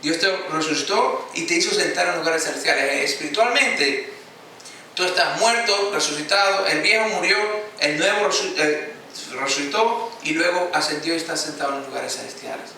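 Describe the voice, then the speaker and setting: Heard from afar in an echoing church hall, a pastor with a slightly high, creaky, sharp voice delivers an emphatic sermon at moderate speed. He uses call-and-response, waiting for the congregation to answer him, and a little hiss or hum lingers.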